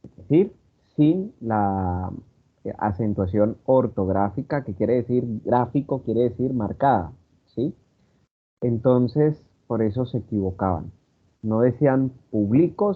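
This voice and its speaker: A man with a Colombian Spanish accent lectures an online class at a mid-range pitch. He explains step by step, filling pauses with "eh" and checking in with the students. The sound is thin and phone-like, as from a video meeting. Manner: explanatory, with many fillers and tag questions. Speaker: teacher. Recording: tinny phone-like meeting audio.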